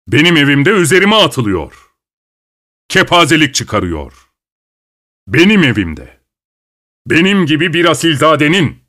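A man voicing a pompous, haughty country landowner who speaks slowly and indignantly in an audiobook. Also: low voice, a bit bright, no echo, studio quality, heavily acted. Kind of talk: audiobook character voice.

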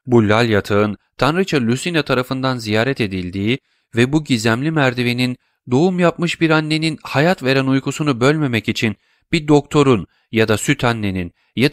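A man voicing a calm, mysterious count with a measured, insinuating manner. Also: medium pitch, no room sound, clean studio sound, voice pushed up, lightly acted.

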